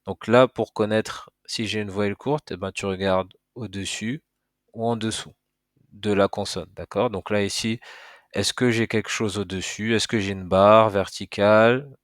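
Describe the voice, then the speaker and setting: Male teacher, low voice, casual and patient, explains step by step, dry close recording. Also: fairly even intonation, moderate pace, no echo. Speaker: Arabic teacher. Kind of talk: casual spoken lesson.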